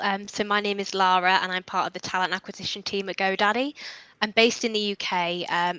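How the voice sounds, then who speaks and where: A woman's voice: mid-range voice, a bit bright, smooth, no room sound, rough recording. A woman recruiter introducing herself on an online panel over a video call, upbeat and chatty.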